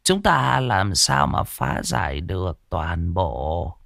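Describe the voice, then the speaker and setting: A man voicing a frail, trembling clan elder over a hundred years old in a ghost story, speaking slowly and solemnly. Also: low-pitched, sing-song, vocal fry, a bit bright, no room sound, studio quality, heavily acted. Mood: wry.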